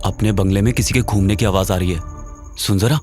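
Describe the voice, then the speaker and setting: Flustered young man, cartoon, matter-of-fact, lowish voice, a man acting, faint music. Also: steady tone, a little fast, a little mellow, natural voice. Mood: hushed.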